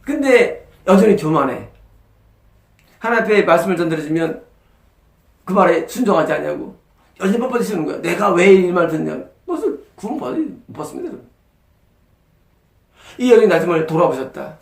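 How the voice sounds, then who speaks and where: A man's voice: sits high, big pitch swings, a little fast, creaky, pauses often, echoey room. A male pastor preaching a sermon, asking rhetorical questions and answering them with emphasis. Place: church sanctuary.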